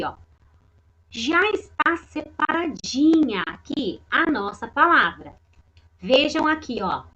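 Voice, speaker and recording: A woman's voice: fairly high pitch, sharp tone, lo-fi sound. A woman teacher, patiently walking young pupils through a lesson, often repeating herself and pointing things out. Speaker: primary school teacher. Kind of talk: remote lesson walkthrough.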